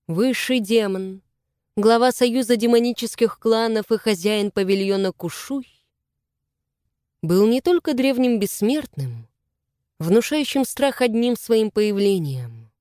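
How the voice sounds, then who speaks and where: A woman narrating a fantasy audiobook in a measured, expressive way. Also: mid-range voice, no room sound, studio quality. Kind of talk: scripted narration.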